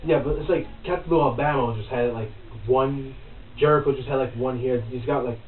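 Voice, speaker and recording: Excitable, foul-mouthed man on a lo-fi podcast. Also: mid-range voice, brisk. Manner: animated, swears freely, gets loud when worked up. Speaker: podcast host. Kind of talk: casual wrestling chat. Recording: roomy, distant, phone-like, faint noise.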